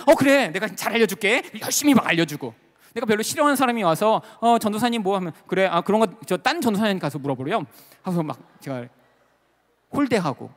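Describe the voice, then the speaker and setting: A man preaching a sermon as a pastor, telling a personal story with animated, emotional delivery and lots of fillers. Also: high-pitched. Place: large worship hall at a retreat. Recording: long reverb of a large hall.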